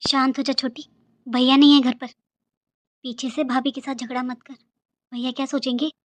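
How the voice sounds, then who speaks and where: A woman voicing an elder married sister in a cartoon, calm and cautious, keeping the peace in a low, soothing, hushed voice. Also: moderate pace, close to an everyday voice. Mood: hushing. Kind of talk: cartoon voice acting.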